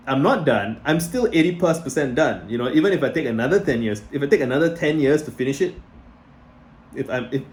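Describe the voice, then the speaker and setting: A faint hiss or hum accompanies the slightly mellow, medium-pitched voice of a vlogger in his thirties. With his Singaporean accent, he speaks to camera in a loose, rambling way, restarting sentences as he self-corrects.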